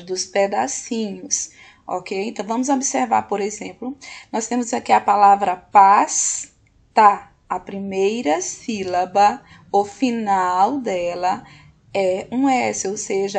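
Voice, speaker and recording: Gravelly, husky woman teacher. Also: mid-range voice, darkish tone. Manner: patient, slow, often checks in with "ok?". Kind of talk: recorded classroom lesson.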